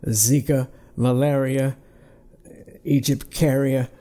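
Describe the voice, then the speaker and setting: Crude sarcastic co-host, warm low-key voice, just shooting the breeze. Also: level tone, takes it slowly. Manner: blunt, crude, sardonic. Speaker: podcast co-host. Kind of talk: casual chat.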